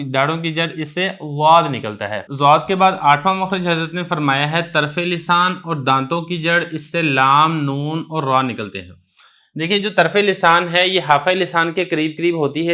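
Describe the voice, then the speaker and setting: A man's voice: on the high side, fairly bright tone. A man with a slightly raised voice gives a patient religious lesson. He explains step by step, often poses a question and then answers it. When he demonstrates a letter, he draws the sound out. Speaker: Quran recitation teacher.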